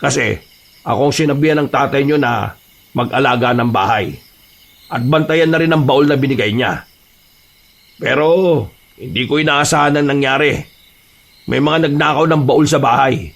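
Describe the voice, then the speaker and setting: A man voicing a calm old family friend who gravely tells of strange thieves in a horror audio drama. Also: medium pitch, normal speed, long pauses. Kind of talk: Tagalog horror radio-drama acting.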